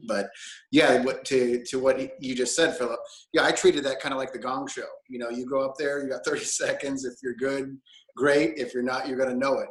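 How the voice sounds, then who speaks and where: A man's voice: medium pitch, fairly bright tone. A man, a guest actor, telling loosely how he worked to improve, in casual chat. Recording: echoey room.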